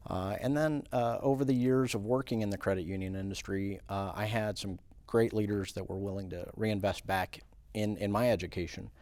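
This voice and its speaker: A man from Puerto Rico, a credit union president, answering questions in a studio interview in a measured way with many fillers. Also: fairly low pitch, fairly even intonation, darkish tone, no echo.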